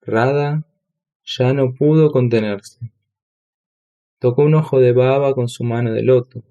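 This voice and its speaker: A man narrating a devotional audiobook in a measured, solemn reading. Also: mid-range voice, mellow, dull audio. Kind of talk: scripted narration.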